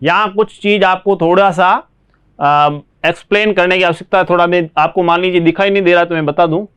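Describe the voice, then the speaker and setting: Higher-pitched Indian man teaching English. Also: steady tone, fairly bright tone, clean tone, highs cut off. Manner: explains slowly, checks understanding with frequent rhetorical questions. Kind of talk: classroom lesson.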